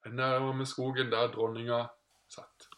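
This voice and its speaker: A man's voice: mid-range voice, flat delivery, fairly bright tone. A man telling a playful made-up story, rambling and correcting himself. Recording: roomy echo.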